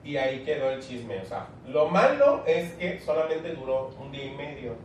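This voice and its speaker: A young Mexican man co-hosting a casual chat, telling a slangy, animated story. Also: moderate pace. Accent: Mexican Spanish. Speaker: co-host. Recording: echoey room, far from mic, faint rumble.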